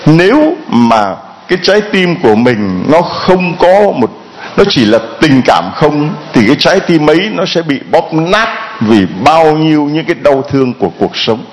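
Vietnamese priest preaching, rhetorical questions. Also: male voice, on the high side, big pitch swings, normal speed, poor audio. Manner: rhetorical questions answered aloud, quoting parishioners' pleas. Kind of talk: Gospel reading and homily.

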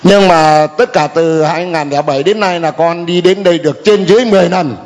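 An older man telling a halting, hesitant personal testimony to a priest at a church gathering. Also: a little high, darkish tone. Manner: hesitant, halting with many fillers. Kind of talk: spoken testimony. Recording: long hall reverb.

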